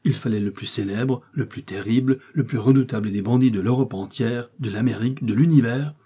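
A man's voice: medium pitch, fairly quick, dark tone, husky, natural voice. A man doing a pompous, grandiloquent vain poet. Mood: grandiose. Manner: grandiloquent, lofty declaiming. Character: pompous vain male poet, self-important.

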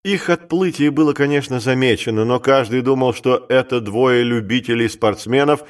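A man's voice: mid-range voice, normal speed. Man narrating a classic story. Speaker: audiobook reader. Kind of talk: scripted narration.

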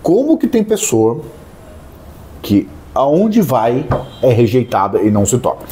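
A man's voice: medium pitch, measured pace. A man co-hosting a podcast in casual chat, ranting and joking. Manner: ranting, animated, jokey. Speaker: podcast co-host.

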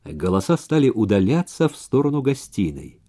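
Mellow-voiced male audiobook narrator. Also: fairly low pitch, sing-song, normal speed. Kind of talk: scripted narration.

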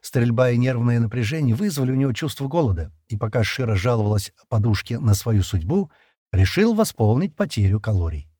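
Male audiobook narrator, lively intonation, slightly husky. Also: medium pitch, a little fast, no room sound, studio quality. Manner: expressive, lively reading. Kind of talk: scripted narration.

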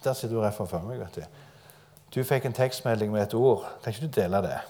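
A man's voice: fairly low pitch, warm tone. A man giving an informal, conversational sermon to a gathered church congregation, mixing personal stories with light humor. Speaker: preacher. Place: church gathering before a live audience.

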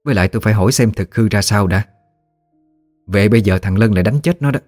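A man's voice: lowish voice, a little fast, a little mellow, dry recording, clean studio sound, soft background music, lightly acted. A male storyteller voicing a firm, protective middle-aged mother. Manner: firm, reasoning.

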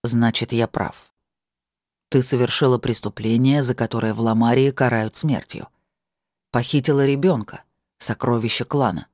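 A narrator voicing a grim, imposing dragon-blooded man who speaks quietly and measuredly. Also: mid-range voice, fairly even intonation, normal speed, no room sound, studio quality, pitched below the performer's own voice, lightly acted. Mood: stern.

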